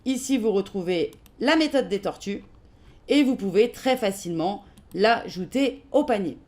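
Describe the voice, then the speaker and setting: A woman with a French accent presenting a live trading-software webinar, casual and hesitant, with frequent fillers as she reads out and answers questions. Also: mid-range voice, animated, normal speed.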